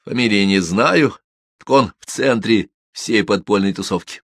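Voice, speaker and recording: A male reader plays an easygoing cop who answers everything with dry jokes, in a lowish, close, dry voice. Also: a little slow, husky, no room sound. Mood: wry.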